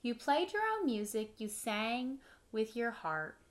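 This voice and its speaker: With a sing-song, slow delivery and a slightly high voice, a woman in her thirties reads aloud from a picture book. She's at home in the living room, acting as a teacher and giving children brief, easy explanations as she goes.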